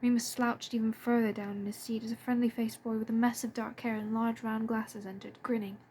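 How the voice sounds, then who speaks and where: A woman reading a story aloud in a soft, breathy and hushed way. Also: fairly high pitch, little pitch movement, fairly quick, a little hiss or hum. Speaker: fan audiobook reader. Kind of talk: storybook narration.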